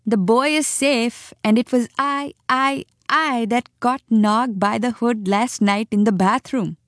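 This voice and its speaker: A fearless young mongoose taunts his foe in a high, springy voice, as a woman reading a storybook puts him on. He is cocky and chuckling, proud of every deed. The sound is dry and close. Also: fairly even intonation, slow pace, a bit bright, no echo. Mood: gloating. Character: brave, boastful young male mongoose.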